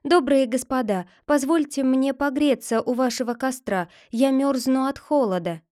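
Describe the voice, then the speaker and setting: A woman's voice: sits high, moderate pace, mellow, no room sound, clean studio sound, lightly acted. A woman voicing a poor, timid young girl who pleads politely in a read-aloud fairy tale. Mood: pleading.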